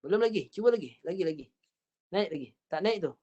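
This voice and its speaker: A woman's voice: fairly low pitch, animated, dark tone, muffled recording. Patient Malaysian woman teaching recitation. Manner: patient, demonstrates sounds slowly and repeats them. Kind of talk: online tajwid lesson.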